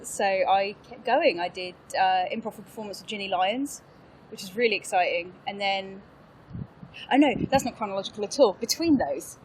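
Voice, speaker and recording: A woman's voice: medium pitch, normal speed, a little hiss or hum, poor audio. Bubbly young woman, laughing often. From England. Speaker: podcast guest, actor and improviser. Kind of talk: casual interview chat.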